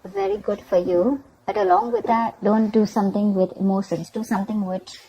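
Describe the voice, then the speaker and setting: A woman hosting a tarot channel does an improvised reading, talking conversationally to the viewer and often checking in with "okay" and "you know." Her medium-pitched voice is animated, gravelly and dark at a moderate pace, on a poor recording with a slight hiss or hum.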